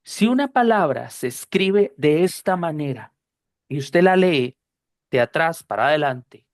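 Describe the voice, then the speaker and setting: A patient woman teaching a class, talking at an unhurried pace in a fairly low voice. She repeats her points and checks that her students understand. The recording is dry and close. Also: expressive, no echo. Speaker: English teacher. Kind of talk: explaining pronunciation in a class.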